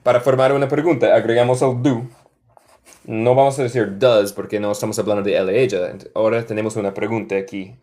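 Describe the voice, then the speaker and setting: A man's voice: lowish voice, darkish tone. A man from Michigan with a Northern US accent, a native English speaker teaching a live online lesson in Spanish and English. He repeats example sentences carefully and thanks viewers by name. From Michigan, United States.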